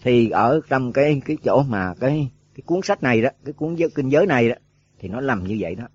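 A man's voice: mid-range voice, expressive, fast talker, slightly rough. A man giving a rambling dharma talk to monks, full of filler words and rhetorical questions. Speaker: Buddhist monk teacher. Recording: dull lo-fi dry recording.

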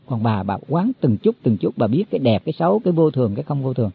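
Husky man preaching. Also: medium pitch, very animated. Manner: folksy, explains slowly with many repeated words. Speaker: Buddhist teacher. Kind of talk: sermon. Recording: tinny phone-like, dry.

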